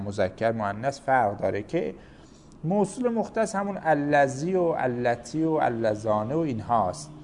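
A man's voice: mid-range voice, darkish tone. Guy teaching a grammar lesson, lists rules with examples, bit of hiss behind.

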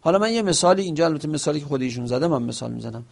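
Guy teaching a seminary class, gravelly voice, keeps asking himself questions n answering. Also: a little high, animated, a little mellow. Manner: explains with examples and asks himself questions; quotes Arabic phrases within Persian speech. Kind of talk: seminary lesson on Arabic rhetoric.

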